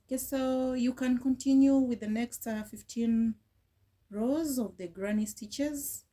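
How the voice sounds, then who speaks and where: A woman giving a relaxed crochet tutorial, talking slowly with frequent hesitations as she counts rows. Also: fairly high pitch. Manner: slow, hesitant, with many fillers, counting rows aloud. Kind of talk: casual tutorial instruction.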